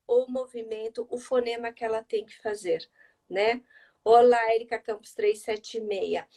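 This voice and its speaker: A woman educator on a live stream, explaining with rhetorical questions and answering viewers' questions by name. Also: a little high. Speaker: speech therapy educator. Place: home, live video stream.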